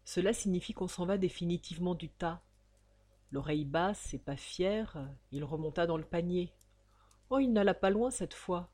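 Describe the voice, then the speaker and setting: Woman reading a novel aloud. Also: moderate pace. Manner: acts out the characters' lines loudly and with raised pitch. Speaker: reader of a novel. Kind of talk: expressive audiobook reading.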